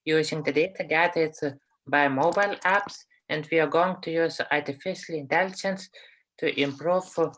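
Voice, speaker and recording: Halting man. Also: fairly high pitch, fairly bright tone, slight background noise, rough recording. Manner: halting, restarts words. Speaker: startup team member.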